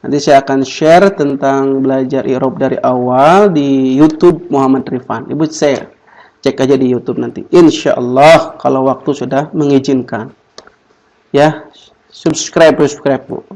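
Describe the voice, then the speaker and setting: A man's voice: mid-range voice, fairly even intonation, measured pace, darkish tone, low-quality recording. A young man, teaching a class, drilling students with repeated questions. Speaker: Quran Arabic teacher. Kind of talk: classroom lesson.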